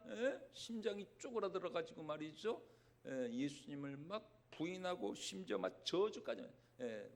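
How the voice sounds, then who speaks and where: Pastor delivering a sermon, male, lively high delivery, quizzes his flock. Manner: lively, asks the congregation questions. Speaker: senior pastor. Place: church sanctuary.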